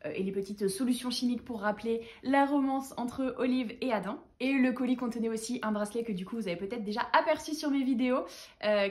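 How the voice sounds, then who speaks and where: A woman chatting enthusiastically as a book vlogger, talking through her monthly reads and haul. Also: a little high. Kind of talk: casual book haul chat.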